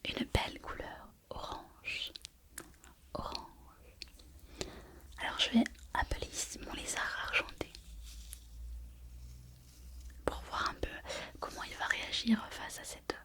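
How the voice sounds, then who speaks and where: A woman playing a mystical fortune teller in a whispered role-play, repeating her phrases as she reassures the listener. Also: lightly acted. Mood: amazed, mysterious. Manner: slow, repetitive fortune-teller delivery, addressing the listener. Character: mystical female fortune teller reading horoscopes, mysterious and reassuring.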